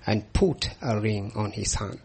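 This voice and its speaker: A man with a gravelly, raspy voice reads scripture aloud in short, halting phrases. He restarts lines and pauses often so that an interpreter can follow him. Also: fairly low pitch, a little mellow. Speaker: preacher. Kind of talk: sermon with live interpretation.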